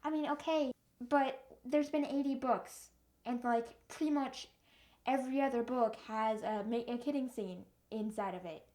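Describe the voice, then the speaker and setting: A young woman with a slightly high voice rants through a book review. She is exasperated and animated, restarting her sentences as she rambles on. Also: normal speed. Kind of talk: casual ranting review.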